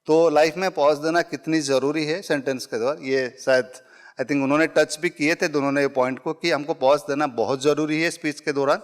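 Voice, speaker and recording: Brisk and steady in tone, a middle-aged man with a slightly high voice teaches a conversational public speaking workshop to a live audience. He drops English phrases into his speech and draws on everyday examples to illustrate his points.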